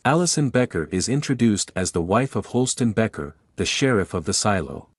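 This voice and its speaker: A man's voice: on the low side, lively intonation, a little fast, husky, no room sound. A man hosting a video and reading scripted narration.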